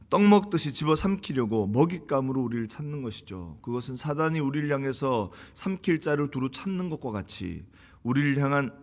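A man preaching an early-morning sermon as pastor, with earnest emphatic rises that drop to low, quiet lines. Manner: earnest preaching, rising emphatic bursts then dropping low. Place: church sanctuary. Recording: long hall reverb.

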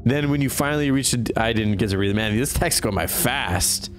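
A man streaming a horror game live, reacting excitedly and laughing often. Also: medium pitch, fairly quick, faint music behind. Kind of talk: live gaming commentary.

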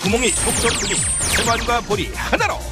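A woman's voice: animated, a little fast. Hard-sell ad announcer, woman with swooping delivery. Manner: urgent, exclamatory sales pitch. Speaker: TV shopping ad voice-over announcer. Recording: loud backing music. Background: loud music.

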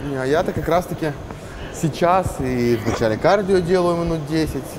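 A middle-aged man hosting, asking quick questions in casual chat in a gym. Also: fairly high pitch, expressive, noisy background. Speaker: host. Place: indoor gym.

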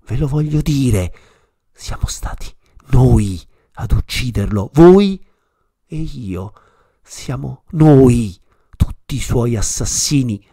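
A man's voice: medium pitch, slow, gravelly, a little mellow, no echo, studio quality. A man voicing a frantic madman who cries out in anguish, in impassioned declaiming reading. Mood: crying out. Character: frantic madman proclaiming God's death.

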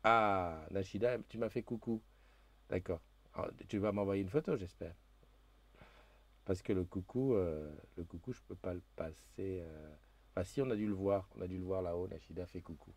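A low-pitched man hosts a casual live stream at a moderate pace, reading viewer comments aloud and chatting loosely with lots of fillers and restarts. He's testing a new desk microphone.

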